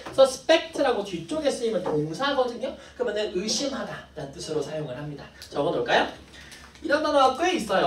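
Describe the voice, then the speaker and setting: A woman English teacher takes her students through a vocabulary lesson, moving quickly from word to word and teasing the class now and then. Her pitch jumps around a lot as she talks. She sounds distant, and the classroom echo hangs around her voice, with a faint room hum behind it. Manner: brisk, playful asides to students. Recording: echoey classroom from far off.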